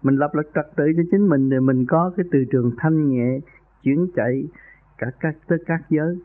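A man's voice: fairly high pitch, normal speed. A man who is a spiritual teacher, advising a caller on meditation practice during a radio call-in. He speaks in a folksy, earnest way and raises his voice for emphasis. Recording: narrow phone-like radio sound.

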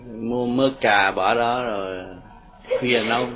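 This older man's mid-range voice moves slowly and fairly evenly as he delivers an informal, meandering dharma talk, laughing softly while telling folksy tales to his followers. A crowd of listeners can be heard behind him on the muffled lo-fi recording.

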